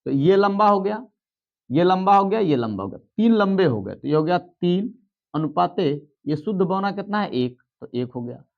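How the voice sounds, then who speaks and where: A male teacher talks students through a biology lesson at the board, step by step, often checking that they follow. His voice sits high for a man. The recording is dull and lo-fi. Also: animated, normal speed, vocal fry. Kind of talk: blackboard lesson.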